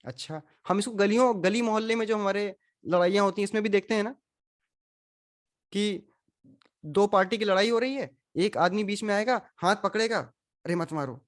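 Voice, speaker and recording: A man leads a scripture class in a steady, conversational voice. He keeps asking his listeners questions and drops English phrases into his explanations. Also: high voice, fairly quick. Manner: questions the audience, mixes in English. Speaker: spiritual teacher. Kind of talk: Gita class lecture.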